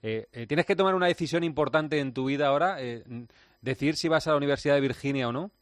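A man's voice: fairly high pitch, fast talker, no room sound, clean studio sound. A man hosting a radio sports chat, asking friendly, teasing questions. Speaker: radio host.

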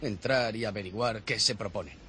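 A man's voice: lowish voice, normal speed, bright, forceful tone, a little hiss or hum. An actor in a dubbed TV series, playing a quirky adult male pilot with a playful, mock-formal way of speaking. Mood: wry.

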